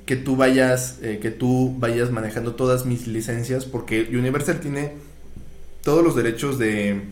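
A man appears as a podcast guest, casually telling film-history anecdotes in an animated way and acting out the quoted dialogue. His voice is medium in pitch and a little slow. The room is echoey, with faint ambient noise.

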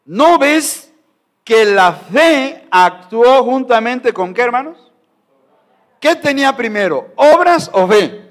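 Slow, high-voiced male pastor preaching. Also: lively intonation. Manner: emphatic preaching with rhetorical questions. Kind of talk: sermon. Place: church sanctuary.

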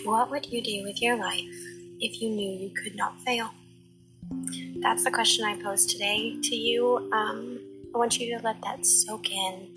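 A woman's voice: a little high, fairly even intonation, measured pace. A woman hosting a motivational coaching and meditation talk, sounding re-recorded through a speaker, as if talking into a bottle. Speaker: podcast host and life coach. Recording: muffled recording of a recording, music behind. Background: loud music.

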